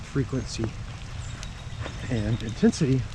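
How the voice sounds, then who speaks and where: Male running vlogger, medium pitch, casual explainer delivered mid-jog in short bursts, noisy outdoor recording. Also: a little slow. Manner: talking while jogging, in short broken phrases. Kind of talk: casual explanatory vlog talk while running. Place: outdoors on a run in the rain.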